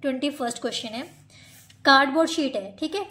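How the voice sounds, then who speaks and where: A woman's voice: sits high, quick pace, pushed and bright. A woman with an Indian accent teaching a maths lesson, patiently explaining each step and often calling her students "beta".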